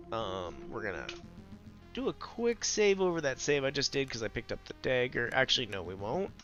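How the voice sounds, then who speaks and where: A man's voice: mid-range voice, a bit bright, highs cut off. A man casually commentating a game playthrough and reading its text aloud. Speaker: gamer narrating a playthrough.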